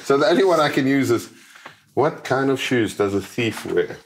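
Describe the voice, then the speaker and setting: A man's voice: mid-range voice, animated, moderate pace, slight background noise. Playful man, mid voice. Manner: playful, chuckling, teasing. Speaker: podcast co-host. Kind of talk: casual joke-telling chat.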